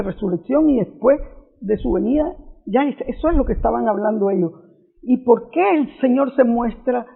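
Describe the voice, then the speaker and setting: A man's voice: extremely high pitch, vocal fry, husky. A man preaching an unscripted reflection on scripture, earnest, often restarting and repeating his phrases. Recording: tinny phone-like audio.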